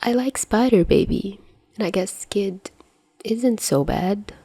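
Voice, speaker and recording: A woman voicing an earnest, insecure fifteen-year-old superhero boy in a fan audio drama, with a pleading, breathy delivery. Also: mid-range voice, slow pace, dark tone, dry recording, studio quality. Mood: shy, calming.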